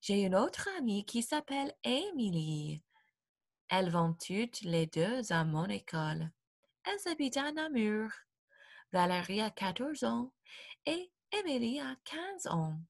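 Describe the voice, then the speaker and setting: A woman voicing a chatty sixteen-year-old girl in a storybook, read slowly and clearly. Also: mid-range voice, very animated, dry recording, studio quality, exaggerated voice. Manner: slow, clear read-aloud delivery.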